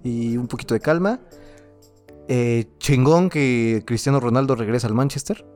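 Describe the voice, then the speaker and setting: A man's voice: medium pitch, normal speed, darkish tone, soft background music. A Mexican man co-hosting a podcast with casual, irreverent bro talk full of slang and swearing. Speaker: podcast co-host.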